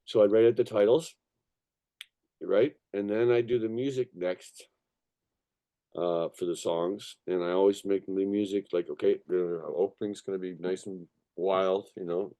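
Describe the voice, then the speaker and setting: In a relaxed interview, this musician, songwriter and record producer tells meandering stories, cursing and stressing his points while often asking "you know" or "right". His voice is deep and dark, with fairly even intonation and a normal pace.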